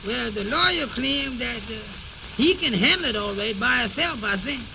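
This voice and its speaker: A nervous, humble man a very high, creaky voice. He stammers and repeats his folksy phrases in an old radio comedy, on a dull recording full of noise. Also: lively intonation, normal speed, exaggerated voice. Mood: worried. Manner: stammering repetitions, deferential, folksy ungrammatical speech. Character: anxious, humble, naive man, easily flustered. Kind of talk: 1930s-40s radio comedy acting.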